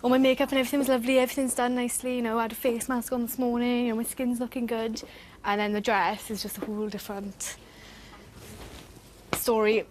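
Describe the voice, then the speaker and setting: A woman's voice: fairly high pitch, level tone, fast, slight background noise. A young woman chatting in a matter-of-fact way in a casual documentary interview. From Wales. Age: young adult. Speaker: pageant contestant.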